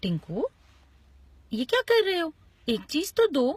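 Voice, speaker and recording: A woman voicing a patient but firm father in a children's story, with a husky voice that coaxes and warns. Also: sits high, huge pitch swings, slow, no echo, pitched above the performer's own voice, heavily acted. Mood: coaxing. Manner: coaxing, then warning.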